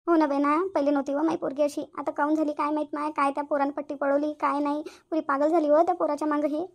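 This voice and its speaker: Woman doing a worried cartoon mom, nags and frets, fast talker. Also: high voice, little pitch movement. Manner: fretful, scolding, sighing complaints. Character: worried middle-aged village mother, weary. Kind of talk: cartoon voice acting.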